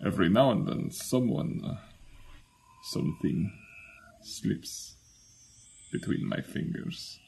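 A man playing a melancholy, courteous immortal gentleman in a radio comedy drama, halting and formal, with a gravelly, breathy voice. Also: sits low, sing-song, exaggerated voice. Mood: brooding, pointed. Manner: halting, formal, theatrically drawn-out.

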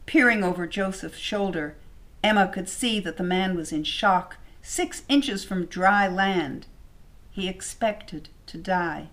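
A woman reading her own short story aloud at home, in a measured storytelling manner. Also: lowish voice, a bit bright.

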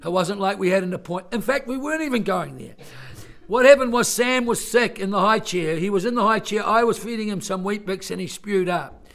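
An older man tells children a story from his own family. His worn-out voice is gravelly and sits a little high for a man. He talks plainly and earnestly, backing up to correct himself as he goes. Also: fairly quick, a bit bright. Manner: plain-spoken, earnest, rambling with self-corrections. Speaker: storyteller visiting a school class. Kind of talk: personal story told to children.

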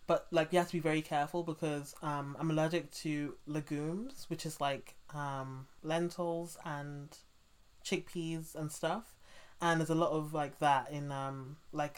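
A woman podcast host from London chatting with a guest, telling animated stories with many fillers. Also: low-pitched. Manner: animated storytelling, many fillers, quotes people. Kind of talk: casual interview chat.

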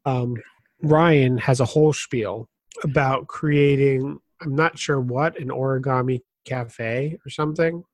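A man's voice: medium pitch, fairly even intonation, a little slow, no room sound. A man co-hosting a casual podcast chat, making wry joking asides. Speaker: podcast co-host.

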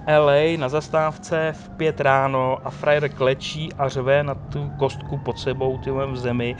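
Man, casual storyteller, lively and quoting others, faint street noise behind. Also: mid-range voice. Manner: animated storyteller, quotes others. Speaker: guest telling of police ride-alongs. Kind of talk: casual chat.

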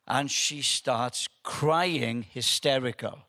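A man in his seventies giving a humorous storytelling speech to a live audience, hesitant with many ums but animated once the story gets going. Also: mid-range voice, slow. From Wales. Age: 70s. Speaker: guest speaker at an event.

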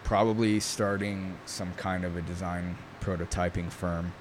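A knife maker from New York, who grew up speaking Italian first, talks casually and thoughtfully as an interview guest, using many fillers. His low-pitched voice is flat and unhurried, with background noise behind it.

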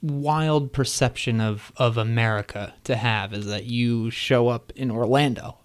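A man's voice: mid-range voice, a little slow, smooth. A man hosting a casual conversation, asking curious follow-up questions. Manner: curious, chatty, asks questions with frequent backchannels.

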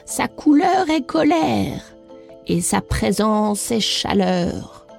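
A woman voicing an old, wise female priestess who speaks in slow, solemn riddles in a read-aloud storybook. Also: medium pitch, big pitch swings, gravelly, darkish tone, faint music behind, exaggerated voice.

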